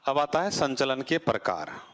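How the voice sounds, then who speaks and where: A male teacher giving a classroom geography lecture. He keeps asking the class rhetorical questions and then answers them, and his pitch drops as he closes off each point. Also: sing-song, a little slow, a bit bright.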